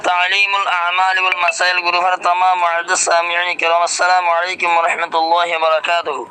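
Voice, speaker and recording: A man with a Rohingya accent teaching a religious lesson, deliberately repeating phrases and reciting Arabic prayers for learners. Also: high-pitched, completely flat delivery, pushed and bright, a little hiss or hum. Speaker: Islamic teacher.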